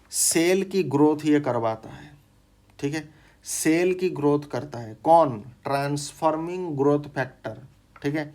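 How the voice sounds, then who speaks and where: A man with a fairly high voice lectures at an unhurried, deliberate pace. He reads technical definitions word by word, then explains them again in simpler terms. He often pauses to check that his students are following. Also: a little mellow. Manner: explains in mixed Hindi and English, repeats key terms, adds frequent check-ins; reads English definitions slowly, then rephrases them in Hindi. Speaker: pharmacy teacher. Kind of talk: classroom lecture.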